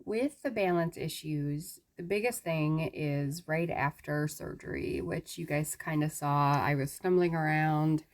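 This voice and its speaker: A woman with a slightly low voice speaks very slowly in a casual vlog update. She sounds weakened after surgery, stopping often and searching for words as she struggles to put sentences together. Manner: halting, searching for words, with long pauses. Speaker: vlogger giving a health update. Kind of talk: casual talk to viewers.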